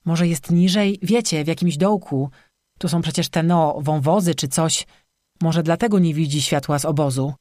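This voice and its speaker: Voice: mid-range voice, moderate pace, a little mellow, no echo, lightly acted. Narrator doing a sarcastic, tough-talking young woman for a storybook, dry close sound. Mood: teasing.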